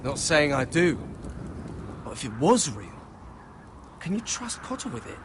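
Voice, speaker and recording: An actor playing a wary, skeptical watchman who talks quietly and teasingly. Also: on the high side, sing-song, unhurried. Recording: noisy storm backdrop. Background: rain and thunder.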